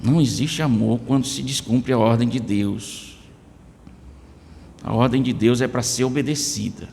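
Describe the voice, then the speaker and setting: Emphatic preacher in a reverberant church. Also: male voice, mid-range voice, moderate pace, creaky, a little mellow, a little hiss or hum. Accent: Brazilian Portuguese. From Brazil. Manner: addresses listeners by name, emphatic rises. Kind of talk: sermon.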